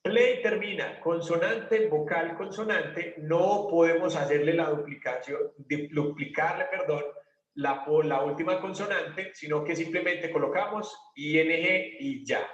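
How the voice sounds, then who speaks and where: A man's voice: a little high, a little slow. A man teaching an English grammar lesson, explaining step by step and answering his own questions. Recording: roomy, distant, dull classroom recording.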